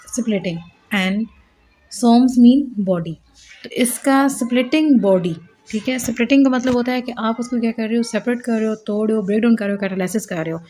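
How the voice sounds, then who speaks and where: A woman teaching biology at a whiteboard, her voice sitting a little high. She explains in a patient lecture style, posing questions and answering them herself. She mixes English science terms into her sentences. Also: a little mellow.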